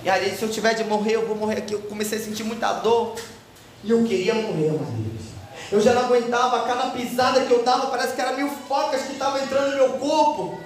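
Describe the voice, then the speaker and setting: A man's voice: extremely high pitch, fast, slight background noise. A Brazilian man giving a fervent Pentecostal testimony sermon, peppered with hallelujahs and bursts of speaking in tongues. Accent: Brazilian Portuguese. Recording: very echoey church hall from far off, music behind.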